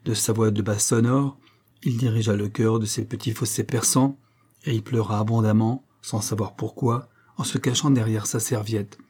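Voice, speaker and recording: A man narrating a classic novel as an audiobook, reading in a measured, expressive way. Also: on the low side, breathy edge. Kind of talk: scripted literary narration.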